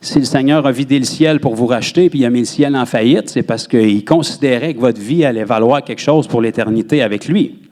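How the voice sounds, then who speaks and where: A man with a Québécois French accent, preaching a sermon in a church and jumping up in pitch on words he stresses. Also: brisk. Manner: animated preaching, rises sharply on emphasized words. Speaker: pastor.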